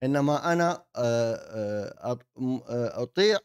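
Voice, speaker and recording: A man. He delivers an explanatory monologue as a host. His phrasing is halting, with repeated words as he searches for the next thought. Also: mid-range voice, expressive, clear, resonant tone. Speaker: host, commentator. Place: indoor desk setup with virtual backdrop. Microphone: desk microphone on an arm.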